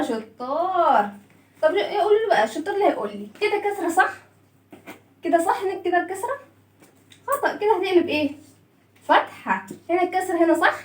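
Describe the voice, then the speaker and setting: A woman's voice: high voice, reverberant, recorded from a distance. A woman with an Egyptian Arabic accent teaching young children to read, drawing out letter sounds and praising them often. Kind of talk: lively lesson for young children.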